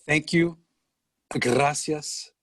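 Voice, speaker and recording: Older male guest from San Francisco, unhurried and measured, dry close sound. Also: fairly high pitch, fairly bright tone, no echo. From San Francisco, USA. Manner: slow, deliberate storytelling with pauses. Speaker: podcast guest. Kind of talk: conversational interview.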